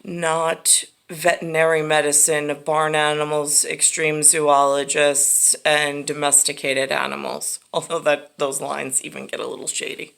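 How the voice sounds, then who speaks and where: Low, creaky-voiced woman rambling slowly. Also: little pitch movement, a bit bright. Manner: rambling, disjointed, tangential. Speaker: vlogger. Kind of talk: rambling casual monologue.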